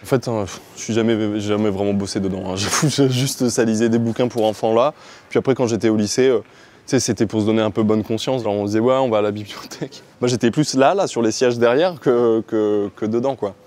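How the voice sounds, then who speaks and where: A young man from Avignon, a streamer, gives a casual walking tour, joking and slangy in a lively way. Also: lowish voice, a little fast. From Avignon, France. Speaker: streamer giving a city tour. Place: city streets outdoors. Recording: outdoor street with faint noise.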